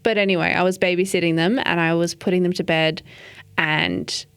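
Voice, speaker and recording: A woman's voice: on the low side, steady tone, brisk, smooth. Chatty woman podcast host. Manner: chatty, rambling, lots of likes. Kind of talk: casual comedic chat.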